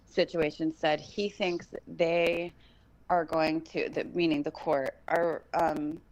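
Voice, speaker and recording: A woman's voice: deep voice, takes it slowly, highs cut off. Joking woman co-host on a casual podcast. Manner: relaxed, joking, a bit crude. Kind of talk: casual chat about a court case. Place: home by a window with her dog.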